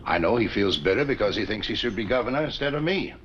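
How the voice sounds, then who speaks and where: A bright, lively-voiced governor, formal and oratorical. The recording is a muffled vintage TV soundtrack. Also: male voice, fairly low pitch, quick pace, slight background noise. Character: dignified territorial governor, persuasive and formal. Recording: dull 1950s TV soundtrack.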